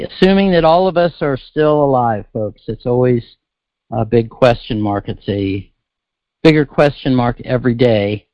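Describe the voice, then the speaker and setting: A man hosting a solo political talk broadcast, speaking haltingly with thick, slurred speech from a swollen tongue and addressing listeners in folksy asides. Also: medium pitch, dry recording, lo-fi sound. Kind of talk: solo talk-show monologue.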